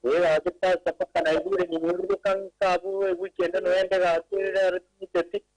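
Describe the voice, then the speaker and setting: A man's voice: sits high, animated, normal speed, vocal fry, a little mellow, no echo. A man calling in by phone, holding the phone away from his mouth so he sounds faint and distant, making brief plain remarks. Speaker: phone-in caller. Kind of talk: casual call-in chat.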